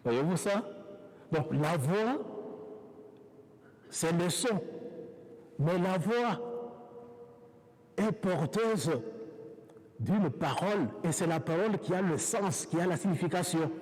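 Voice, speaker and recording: A priest with an African French accent giving a sermon in a church, speaking in slow, measured phrases with pauses and restarts. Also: male voice, high-pitched, expressive, darkish tone. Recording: reverberant church hall.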